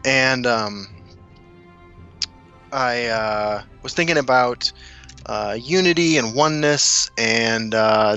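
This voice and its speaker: Dull audio with no room sound carries this man's smooth, medium-pitched voice. A South Dakotan raised in Kansas City, he's a laid-back podcast guest spinning rambling stories with frequent easy laughter.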